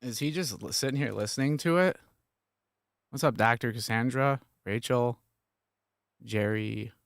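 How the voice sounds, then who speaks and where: A man's voice: medium pitch, measured pace, creaky, no room sound. A man hosting a stream, making offhand, casual comments as he plays recordings. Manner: offhand, mumbling asides.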